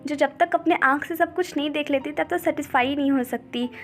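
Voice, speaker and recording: A woman's voice: high voice, a little fast, close to an everyday voice. A woman voicing a playful young man who teases the heroine. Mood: teasing. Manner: teasing, playful.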